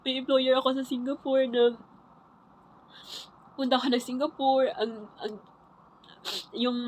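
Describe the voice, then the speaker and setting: A woman telling her personal faith testimony in a halting, repetitive way, often restarting her sentences. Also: high voice, a little hiss or hum, rough recording. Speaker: churchgoer sharing her testimony.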